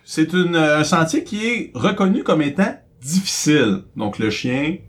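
Animated Quebec French podcast co-host. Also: male voice, on the high side. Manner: animated storyteller, rising questions, quick asides. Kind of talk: casual podcast chat, storytelling.

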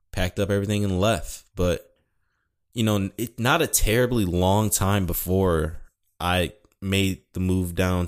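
A young man talking casually and rambling, swearing often and correcting himself, with a mild speech impediment. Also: low voice. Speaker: podcast host. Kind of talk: casual solo talk.

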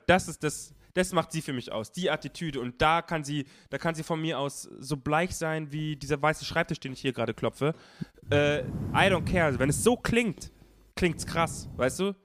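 A man's voice: fairly high pitch, a bit bright. A man in casual chat about a rap song, talking in slang with stammers and blunt teasing. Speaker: podcast host who edits the show. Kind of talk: casual music review chat.

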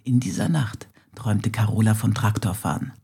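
A woman reads a children's storybook aloud, soft and half-whispered much of the time. Her voice is husky and gravelly, with lots of creak. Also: very deep voice, normal speed. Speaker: narrator.

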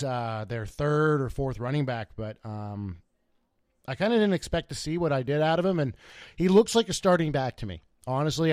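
A man's voice: on the high side, a little mellow, no room sound, studio quality. Rambling man co-hosting a sports podcast. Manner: loose, rambling, many restarts. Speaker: podcast co-host. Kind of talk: casual sports podcast chat.

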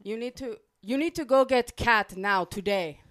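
In clean studio sound with no room noise, a woman voices a blunt male psychiatrist with a Russian accent, barking clipped, insistent commands in broken English. Her fairly high, fairly bright voice is pitched above her own but stays close to an everyday voice, at a moderate pace.

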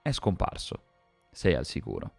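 A man's voice: rumbling low, huge pitch swings, normal speed, gravelly, a little mellow, faint music behind, full character voice. A man voicing a brooding haunted gunslinger. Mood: grim. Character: haunted young male gunslinger, grim and determined.

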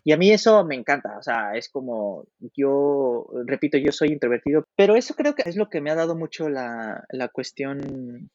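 A man with a Mexican accent chatting casually as a podcast guest, pausing often with fillers and restarts, animated when telling a story. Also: medium pitch, dry recording, lo-fi sound. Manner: hesitant, full of fillers and restarts.

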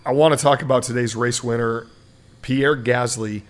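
A man's voice: medium pitch, steady tone, normal speed. A man co-hosting a sports podcast, explaining racing at length in a casual chat, with many fillers. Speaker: podcast co-host.

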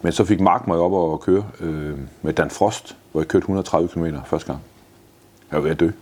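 A man's voice: low voice, fairly even intonation, a little mellow, husky. A man in his fifties answering interview questions in a blunt, enthusiastic way, swearing freely. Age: 50s. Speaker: guest.

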